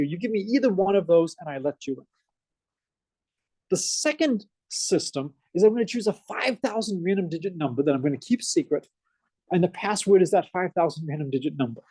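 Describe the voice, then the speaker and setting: Teaching a math class in a lecture room, the Boston-accented professor is energetic and full of questions for students. His voice is high-pitched and husky, mellow and dark, picked up dry and close with no echo.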